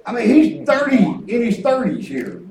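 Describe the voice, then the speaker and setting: A man in his fifties preaches in a very high-pitched voice with a rural Southern twang. His delivery is folksy, excitable and rambling, full of colloquial storytelling. He is heard from a distance in an echoey church room. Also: normal speed, creaky, a little hiss or hum. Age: 50s. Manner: excitable, colloquial, chuckles through anecdotes. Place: church hall with responding congregation.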